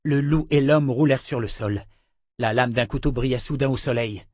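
A man narrating a dramatic fantasy novel as an audiobook, in a measured reading voice. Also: medium pitch, a little mellow, dry recording, clean studio sound.

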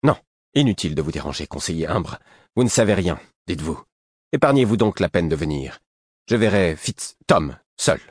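A man's voice: low voice, big pitch swings, normal speed, slightly rough, no echo, clean studio sound, exaggerated voice. A man voicing a furious, imperious young prince who commands sharply. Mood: cold anger.

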